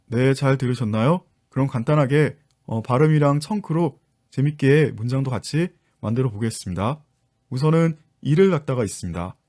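A man's voice: mid-range voice, normal speed, darkish tone. A man teaching an online English lesson, patiently explaining step by step to his viewers. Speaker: English teacher and book author.

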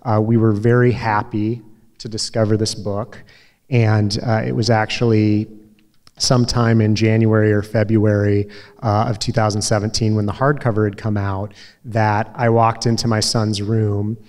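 A middle-aged man from Des Moines moderating a library talk, speaking slowly and gently with many "uh" pauses. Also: on the low side, flat delivery. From Des Moines, Iowa. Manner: slow, measured, many uh fillers, soft and emotional. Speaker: event moderator. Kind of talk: public talk to an audience. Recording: reverberant hall.

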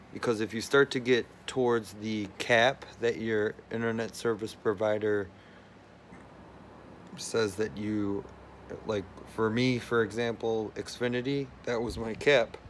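The room is cluttered with phones and routers as this tech vlogger, unseen behind his camera, describes his setup. His pitch is fairly low, a bit of background noise sits under him, and he explains things in a casual, filler-laden way.

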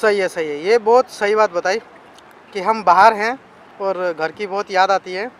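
A man's voice: sits high, moderate pace, fairly bright tone, slight background noise. A man chatting with friends outdoors, going along agreeably and joking around. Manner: agreeable, jokey.

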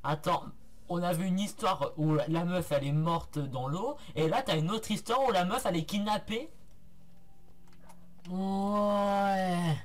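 A man's voice: high-pitched, a little slow. A man giving casual, slangy let's play commentary as he plays. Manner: slangy, swearing. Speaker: gamer commentator.

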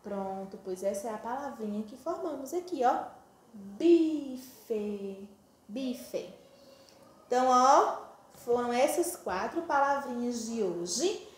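A woman from northeastern Brazil teaching syllables to preschoolers in a slow, sing-song, affectionate way, stretching each syllable. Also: fairly high pitch, lively intonation. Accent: Brazilian Portuguese, Pernambuco. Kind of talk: slow, sing-song phonics lesson for small children. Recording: very echoey room.

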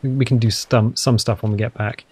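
A man with a smooth English accent giving chatty, playful let's play commentary as a gaming channel host, with self-mocking asides. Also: medium pitch, fairly even intonation, brisk, noisy background.

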